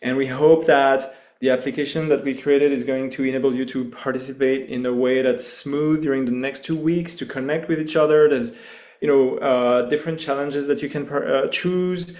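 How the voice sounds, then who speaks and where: A man with a French accent, hosting a hackathon launch call in a relaxed, hesitant way with many fillers. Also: medium pitch, normal speed. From France. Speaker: hackathon organizer and host. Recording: roomy echo.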